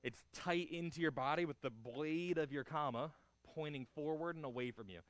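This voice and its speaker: Here a man's slightly high voice moves at a normal pace, with no room sound around it. Leading a martial arts class, he demonstrates techniques while giving terse counts, quick cues, and supportive feedback.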